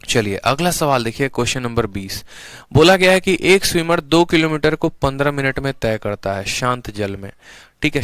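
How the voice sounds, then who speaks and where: Man teaching maths with a crisp voice. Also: fairly high pitch, fairly bright tone, no echo. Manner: explains step by step, repeats questions to students and answers them. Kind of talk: online exam-prep maths lesson.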